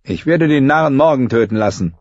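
A man's voice: medium pitch, expressive, brisk, darkish tone, dry recording, muffled recording, pitched above the performer's own voice, lightly acted. A man voicing a cruel, arrogant boy king who sneers and gives orders, in an audiobook reading. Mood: imperious. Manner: sneering, commanding.

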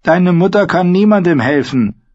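A shrill, harsh old crone, as a male audiobook narrator puts her on, blunt and ominous, warning of what is coming. The voice sits far above his own in a lively, swooping line. The recording is a little dull. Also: normal speed.

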